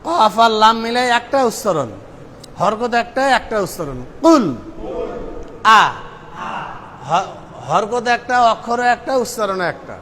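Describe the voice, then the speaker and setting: A male Quran teacher drilling pronunciation with a class, drawing out syllables slowly, then explaining quickly, and chanting the verses. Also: sits high, expressive, pushed and bright, slight background noise. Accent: Bangladeshi Bengali.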